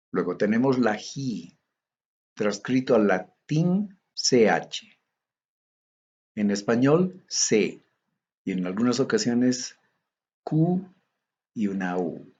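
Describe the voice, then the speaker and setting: A man from Bolivia giving a recorded theology lecture, going methodically through tables of Greek letters in a slow, measured way. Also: mid-range voice, sing-song, darkish tone, husky, highs cut off.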